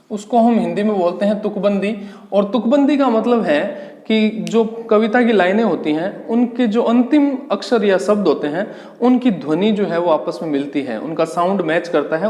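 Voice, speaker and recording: A man teaching English literature for exam prep, explaining slowly, repeating key terms and asking rhetorical questions. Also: high voice, darkish tone. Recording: echoey, reverberant room.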